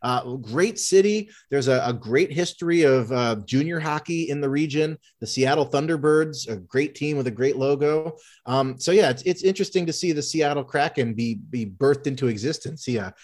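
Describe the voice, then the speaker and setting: A man in his thirties co-hosting a sports podcast, talking in a wry, rambling, self-deprecating way. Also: medium pitch. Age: 30s. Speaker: podcast co-host. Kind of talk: casual sports chat.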